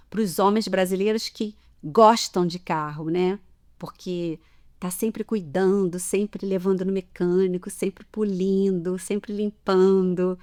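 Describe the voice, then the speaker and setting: A woman's voice: mid-range voice, a bit bright. A Brazilian woman with a Brazilian Portuguese accent, giving a chatty podcast lesson on everyday customs and often checking in with "tá?". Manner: chatty, explains with examples, frequent "tá?" check-ins. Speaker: language teacher.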